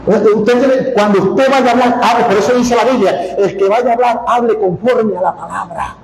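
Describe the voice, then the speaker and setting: Male pastor, high-pitched, folksy emphatic sermon, echoey room. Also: moderate pace, vocal fry. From Colombia. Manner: folksy, joking, emphatic preaching with repetitions.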